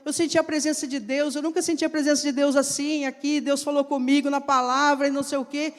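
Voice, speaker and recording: A woman preacher delivers a sermon in a slow, emphatic storytelling manner. She acts out the conversations from her testimony as she goes. Her voice carries a long reverb, as if recorded in a large church hall. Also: sits high, flat delivery. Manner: acts out dialogue in her stories.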